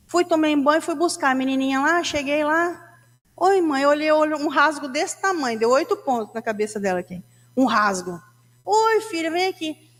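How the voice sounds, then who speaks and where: A woman's voice: high-pitched, a bit bright, in a large hall. A woman from Brazil giving a spiritist talk, chatty and storytelling, often turning to the audience. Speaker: spiritist lecturer. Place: lecture hall of a spiritist center.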